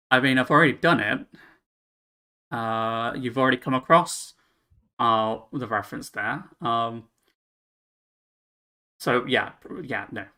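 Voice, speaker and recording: A man narrating as game master of a tabletop game, halting with fillers and restarts. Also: medium pitch, bright, forceful tone.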